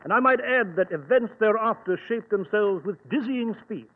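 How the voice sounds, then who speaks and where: An actor playing a blustery, loyal gentleman doctor with exclamatory, old-fashioned speech, in 1940s radio style. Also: sits high, expressive, normal speed. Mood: storytelling. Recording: noisy, tinny old radio recording.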